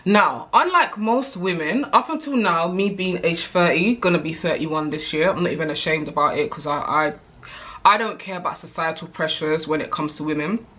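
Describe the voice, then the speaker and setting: A woman's voice: low voice, moderate pace, fairly bright tone. A British woman in her thirties chatting candidly to camera as a vlogger, rambling with frequent asides. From United Kingdom. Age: 30s. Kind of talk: casual chat to camera.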